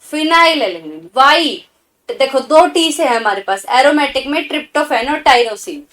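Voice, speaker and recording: A woman teacher giving an exam-prep lecture, drilling her students with quick questions and repeated answers and urging them on. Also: high voice, lively intonation, fairly bright tone. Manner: drills students with call-and-response repetition; urging and encouraging.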